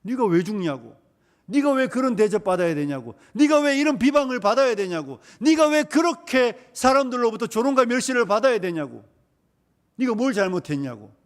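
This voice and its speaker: A man's voice: very high-pitched, sing-song, normal speed. A male pastor voicing the devil as a male tempter who eggs people on with indignant questions.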